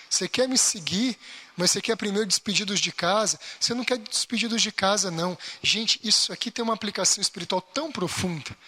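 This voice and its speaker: A man from Brazil, preaching a lively baptism class sermon and acting out everyday complaints. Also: high-pitched. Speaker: pastor.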